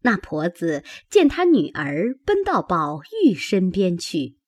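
A woman narrating a classic novel aloud with expressive storytelling. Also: lowish voice, slow, no room sound, studio quality. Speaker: audiobook reader.

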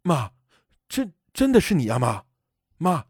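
A man's voice: on the high side, wildly swooping pitch, measured pace, slightly rough, dry recording, heavily acted. Distraught son, man doing him, pleading tearful voice, storybook, dry recording.

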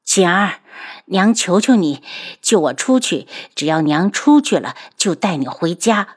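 A woman's voice: on the low side, very animated, unhurried, breathy edge, full character voice. A woman voicing an imprisoned princess who pleads urgently with her son to free her. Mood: pleading. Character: desperate imprisoned princess mother, ruthless.

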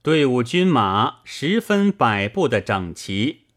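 A man reading a classic novel aloud as an audiobook narrator, in a measured, expressive storytelling manner. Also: mid-range voice.

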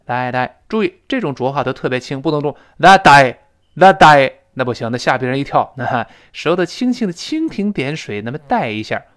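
A man's voice: medium pitch, brisk, hardly any pauses. Man drilling English phrases. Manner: explains pronunciation in Mandarin with lively stress. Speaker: English teacher. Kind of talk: spoken English lesson.

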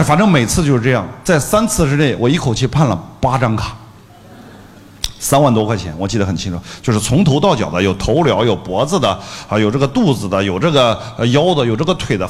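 A middle-aged man giving a lively business lecture, telling anecdotes bluntly and acting out the dialogue. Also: medium pitch, fast talker. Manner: animated storyteller acting out dialogue; blunt colloquial speech. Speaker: business trainer. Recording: long hall reverb.

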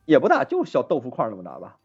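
A man's voice: mid-range voice, huge pitch swings, rapid-fire, breathy edge, no echo, muffled recording, soft background music. A man hosting a casual podcast chat, telling stories animatedly and acting out the people in them. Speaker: podcast host.

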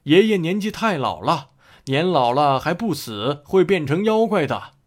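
A man's voice: a little high, very animated, unhurried. A man doing a harsh, impatient father.

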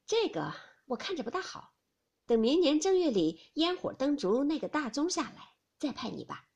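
A woman voicing a sharp-tongued young noblewoman who teases and gives orders briskly, read as part of a classic novel audiobook. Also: high-pitched, sing-song, pitched above the performer's own voice. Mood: teasing. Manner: teasing, brisk.

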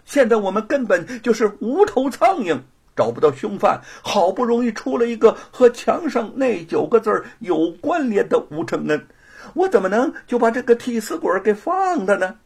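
A man's voice: fairly high pitch, sing-song, takes it slowly, creaky, husky, full character voice. A man voicing a cowardly middle-aged male prefect who whimpers and sighs in panic. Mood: panicked, fretful. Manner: wailing, whimpering, sighing.

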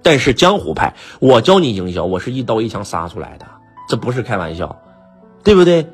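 A man's voice: fairly low pitch, big pitch swings, brisk, husky, soft background music. A man giving a motivational lecture as a business trainer, speaking with emphasis, firing off rhetorical questions and often asking the listeners "right?".

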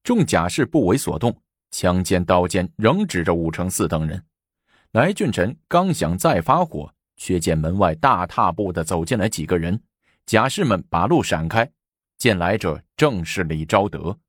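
A man narrating a historical tale with an animated, dramatic delivery. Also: low-pitched, normal speed, breathy edge, no room sound, clean studio sound. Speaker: storyteller. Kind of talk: storytelling narration.

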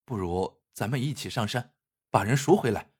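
A male storyteller voicing a loyal, resolute young village wife, speaking quietly and earnestly. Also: mid-range voice, expressive, normal speed, slightly rough.

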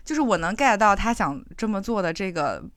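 A woman's voice: medium pitch, sing-song, brisk, a bit bright, no echo, studio quality. A woman co-hosting a podcast, talking in a chatty, reflective way with many fillers. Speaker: podcast co-host. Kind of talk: casual chat.

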